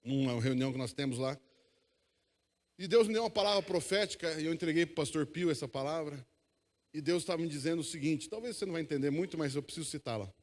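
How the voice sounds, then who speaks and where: A man preaching a sermon, emphatic, calling the congregation to repeat after him. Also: fairly high pitch. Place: church hall. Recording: long echo of a church hall.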